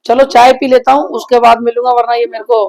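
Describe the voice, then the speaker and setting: A man's voice: very high voice, level tone, fairly quick, vocal fry, darkish tone. Indignant man venting in a home vlog. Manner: complaining, indignant. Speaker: vlogger, father. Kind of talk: casual family vlog talk.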